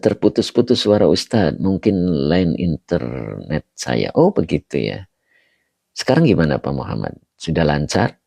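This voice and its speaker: Deep gravelly male teacher. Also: a little mellow, no room sound. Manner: slow, explanatory, reads out chat greetings. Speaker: Islamic teacher. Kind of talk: online religious study session. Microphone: video call.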